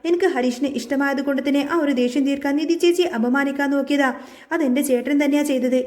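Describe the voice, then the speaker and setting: Bold young woman, outspoken and steady; a woman reads it in a mellow voice. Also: sits high, fast talker, close to an everyday voice. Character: bold young woman defending her beloved.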